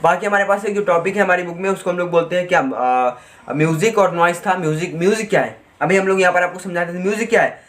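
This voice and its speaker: A man teaching a physics lesson online, chatting with students and reading textbook lines out slowly. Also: high voice, fairly bright tone. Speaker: physics tutor.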